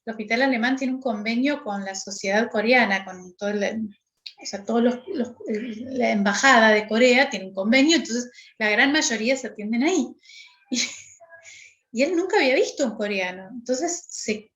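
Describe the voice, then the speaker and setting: A middle-aged woman with a Rioplatense Spanish accent leads an online class, her voice a little high. She explains step by step and keeps checking that her listeners follow. The room sounds echoey around her. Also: normal speed, a bit bright. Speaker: workshop teacher.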